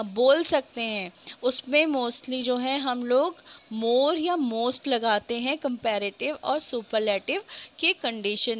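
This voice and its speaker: A woman teacher explaining English grammar in Hindi, reading the English examples slowly and asking the class rhetorical questions. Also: fairly high pitch, bright, forceful tone. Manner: slow, drawn-out English example sentences.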